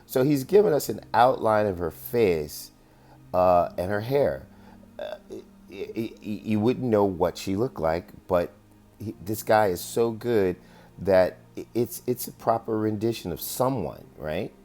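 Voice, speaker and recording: A man's voice: on the low side, lively intonation, a little slow, a little mellow. A man casually presenting his investigation to viewers, rambling with many fillers and often asking "right?". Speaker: amateur investigator presenting findings. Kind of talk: casual screen-share presentation.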